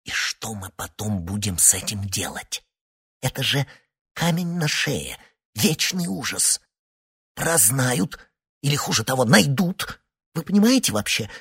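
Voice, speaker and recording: A man voicing an old, sarcastic, jittery male psychiatrist in an audiobook, with a raspy voice and shrill, agitated whispering. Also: big pitch swings, a little fast, fairly bright tone, heavily acted. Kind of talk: audiobook character voice.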